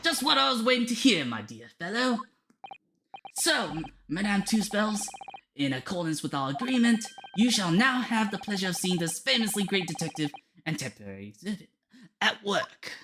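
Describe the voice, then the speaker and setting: A woman's voice: mid-range voice, big pitch swings, normal speed, voice pushed up. Woman as flamboyant great detective Herlock Sholmes. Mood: smug, triumphant. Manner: theatrical, grandiloquent. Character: flamboyant, self-assured male Victorian great detective. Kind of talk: reading visual novel dialogue aloud.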